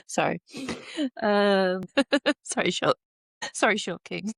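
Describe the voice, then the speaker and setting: A woman's voice: fairly high pitch, vocal fry, fairly bright tone, no room sound. A woman co-hosting a podcast, telling stories in casual chat, swearing freely and using many fillers. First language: English. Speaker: podcast co-host.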